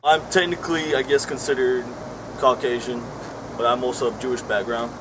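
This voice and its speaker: A young man in his twenties from Russia, a native Russian speaker, gives careful interview answers that qualify each point. His voice sits in the middle range, and clear background noise runs behind him. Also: mid-range voice, steady tone, fairly quick. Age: 20s. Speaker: college student interviewee. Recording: noisy background.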